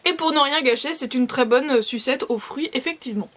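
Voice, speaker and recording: A young woman chatting playfully through a casual snack-tasting vlog, self-mocking and lively. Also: high voice, a little fast. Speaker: beauty and food vlogger.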